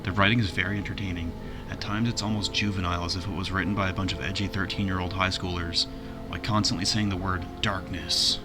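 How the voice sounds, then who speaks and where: A man with a low voice narrates a game review. His delivery is informal and plainspoken, with music clearly playing underneath. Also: fairly even intonation, quick pace.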